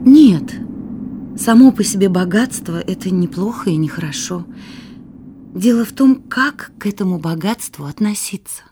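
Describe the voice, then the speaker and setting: A woman's voice: mid-range voice, animated, moderate pace, mellow, slight background noise. Patient woman explaining to a child. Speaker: teacher in a children's Bible program.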